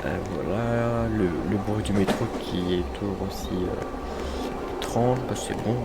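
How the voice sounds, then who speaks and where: A man's voice: fairly low pitch, fairly even intonation, unhurried. Chatty French-speaking gamer man, noisy. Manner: chatty, self-mocking, talks to viewers. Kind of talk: casual let's-play commentary. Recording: noticeable background noise.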